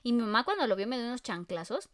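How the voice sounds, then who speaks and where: Casting note: a Mexican woman co-host with a high voice, an animated storyteller who laughs easily. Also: fast talker. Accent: Mexican Spanish. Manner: lively storyteller, laughs often. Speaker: podcast co-host. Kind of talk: casual chat.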